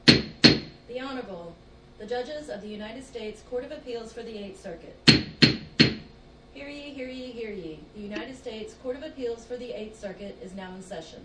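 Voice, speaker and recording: A woman's voice: on the high side, expressive, moderate pace. A woman court clerk making a formal, ceremonial proclamation like a town crier, opening a session. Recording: echoey, noisy courtroom pickup, distant mic.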